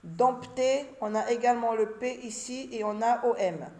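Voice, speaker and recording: A woman teaching a children's reading lesson, sounding out syllables and words slowly and carefully. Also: on the high side, darkish tone. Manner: slow, carefully articulated syllables. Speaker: primary school teacher. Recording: echoey room.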